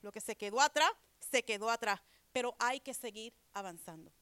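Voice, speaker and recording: A woman with a high voice preaches a sermon in an easy, conversational way. She keeps checking in with her listeners and reads scripture aloud before explaining it. The sound is close and dry, with no room echo. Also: moderate pace, fairly bright tone, smooth. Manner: conversational preaching, repeatedly asks "¿verdad?".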